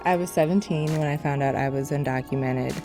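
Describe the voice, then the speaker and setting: Deliberate woman from Nigeria, interview, low pitch, music bed under her. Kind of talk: documentary interview. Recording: clear music playing behind.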